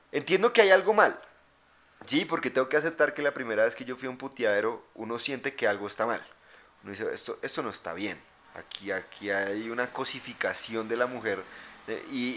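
A young man co-hosting a podcast, telling stories in crude, animated slang. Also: mid-range voice, a little hiss or hum. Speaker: podcast co-host. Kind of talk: casual chat.

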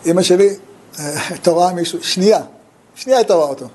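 Man giving a sermon, kinda high voice, animated storyteller, jumps way up in pitch. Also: a little hiss or hum, low-quality recording. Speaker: rabbi. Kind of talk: Torah talk with storytelling.

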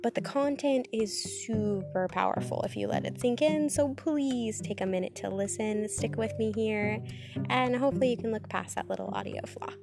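A woman's voice: a little high, normal speed, gravelly, music in the background. A woman hosting a podcast, speaking casually to her listeners as she introduces an episode. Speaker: podcast host.

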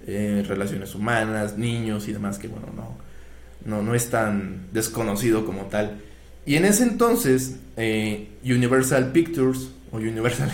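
A man, casually telling film anecdotes on a podcast and acting out the quoted dialogue. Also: mid-range voice. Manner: animated retelling, acts out quoted dialogue. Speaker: guest telling film history. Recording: echoey room, faint ambient noise.

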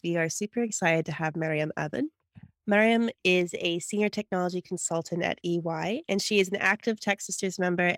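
A woman in her thirties hosting a podcast interview, upbeat and quick to laugh. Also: fairly low pitch, no echo, clean studio sound. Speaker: podcast host.

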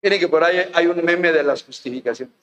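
High-voiced Mexican pastor preaching. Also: male voice, fairly quick, a bit bright, roomy sound, muffled recording. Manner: folksy, conversational preaching with rhetorical questions. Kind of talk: sermon. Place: church.

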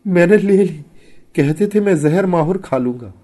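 A man voicing a frightened, guilty young village wife in a high, trembling falsetto. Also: expressive, moderate pace, warm tone, slightly rough. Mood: sobbing.

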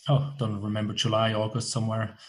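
Hosting a casual interview chat on his podcast, a man asks questions loosely and searchingly, often restarting mid-sentence. His voice is fairly low, monotone and quick.

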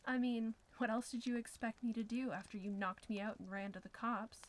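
A woman reading the lines of a cruel, menacing husband in a dark story, with a slow, taunting delivery. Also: fairly high pitch, fairly even intonation, slight background noise, lightly acted. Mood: mocking.

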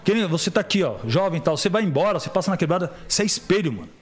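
A man's voice: high-pitched, rapid-fire. A middle-aged man from Brazil, a podcast guest in casual conversation, telling stories and acting out the voices of the people in them. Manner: animated storyteller, acts out quoted dialogue.

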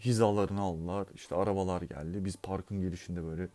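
A young man from Turkey casually recounting personal memories, slangy and animated, acting out other people's shouts. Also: low voice, brisk. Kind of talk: casual storytelling.

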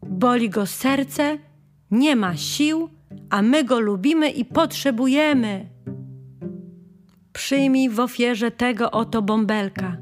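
A woman's voice: on the high side, slow, soft background music, pitched above the performer's own voice. A woman voicing a blunt, bossy female creature who speaks insistently in a children's audiobook. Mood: blunt pleading.

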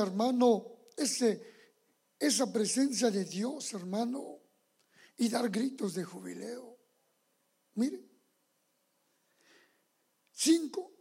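A man's voice: extremely high pitch, gravelly, darkish tone, husky. A man preaching a sermon as pastor, fervent and calling his listeners brothers.

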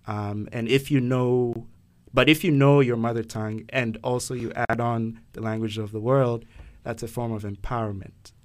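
Young man from Ghana hosting a podcast chat, mid-pitched, thinks out loud, stops and restarts a lot. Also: steady tone, normal speed. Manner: thoughtful, hesitant, many fillers and restarts. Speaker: podcast host. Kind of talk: casual podcast discussion.

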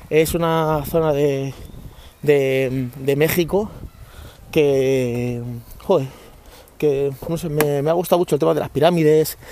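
Rambling Spanish podcast man, fairly high. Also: dark tone, slight background noise. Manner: rambling, frequent restarts and swearing. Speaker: podcast host. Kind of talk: casual chat. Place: parked car.

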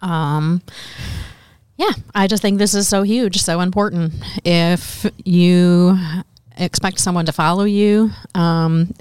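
A woman's voice: lowish voice, steady tone, slow pace, a little mellow, clean tone, dry recording, studio quality. A woman on a church staff podcast, chatty and storytelling, with frequent laughs. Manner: chatty, laughs often, quotes others. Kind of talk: casual storytelling chat.

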